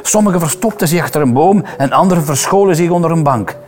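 A man reading a children's story aloud, expressive and playful, switching into voices for the characters. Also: on the high side, fast talker, soft background music. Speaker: reader.

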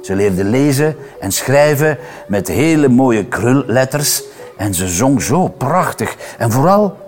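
A man reading a children's story aloud, expressive and playful, switching into voices for the characters. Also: mid-range voice, takes it slowly, soft background music. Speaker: reader.

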